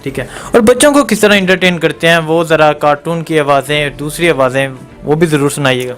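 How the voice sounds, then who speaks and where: Upbeat, higher-voiced male interviewer. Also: fairly bright tone, soft background music. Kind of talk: presenting to viewers.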